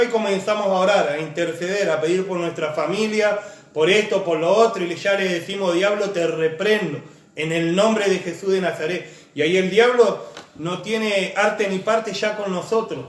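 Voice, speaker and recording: A man preaching, his voice pitched high for a man and ringing with reverb in a church room. He talks earnestly, stacking repeated phrases and lists as he weaves personal testimony into the sermon. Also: brisk.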